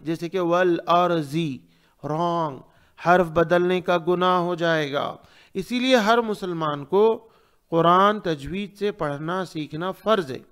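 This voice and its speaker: A man with a Hyderabadi Urdu accent teaching Quran tajweed, reciting verses slowly and then quickly explaining the sounds. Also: a little high, clear, resonant tone. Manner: slow drawn-out recitation alternating with quick explanations. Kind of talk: tajweed lesson, reciting and correcting.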